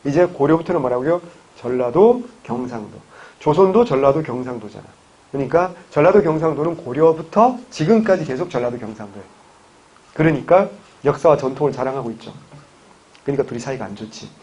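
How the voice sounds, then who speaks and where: A man's voice: medium pitch, expressive, brisk, darkish tone, husky, muffled recording. A man from Gyeongsang province teaching history for an exam-prep course, firing questions at the class and answering them himself. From Gyeongsang province, Korea. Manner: quizzing, answers his own questions. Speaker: history lecturer.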